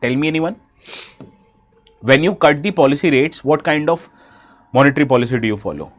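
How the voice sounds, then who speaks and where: A man with an Indian English accent and a bad cold delivers a live exam-prep lecture, constantly putting questions to his students and slipping briefly into Hindi. His voice is fairly high-pitched, expressive and brisk.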